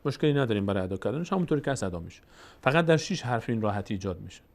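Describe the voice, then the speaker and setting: A man's voice: fairly low pitch, expressive. Man teaching Quran recitation rules. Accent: Tajik-influenced Persian. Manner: explains rules quickly, then draws out example words slowly. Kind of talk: tajweed lesson with slow recited examples.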